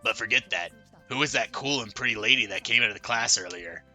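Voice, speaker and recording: An eager, gossipy teenage schoolboy, as a man reads him out from a game, pushing for the latest news. The voice is loud and bright, lifted a little above the reader's own. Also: lowish voice, quick pace, faint music behind. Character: chatty, nosy teenage schoolboy friend.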